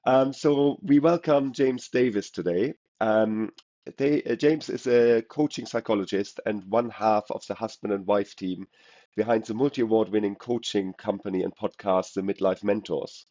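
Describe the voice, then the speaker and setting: A man with a voice hoarse from a cold hosts a podcast conversationally, haltingly stumbling over some words. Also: on the low side, steady tone, warm tone. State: has a cold. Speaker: podcast host. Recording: muffled, roomy lo-fi sound.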